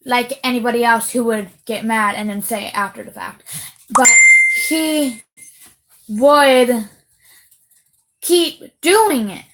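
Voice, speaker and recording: A woman with a fairly high voice, talking straight to camera in a casual vlog rant. She sounds heated and repeats herself, swears freely and drags out words she wants to stress. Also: takes it slowly, pauses often, a little hiss or hum, low-quality recording. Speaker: vlogger.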